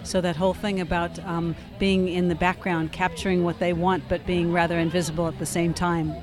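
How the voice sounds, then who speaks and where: A woman's voice: on the low side, little pitch movement, brisk. Woman photographer speaking lyrically. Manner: lyrical, poetic phrasing. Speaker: photographer guest. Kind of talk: interview answers.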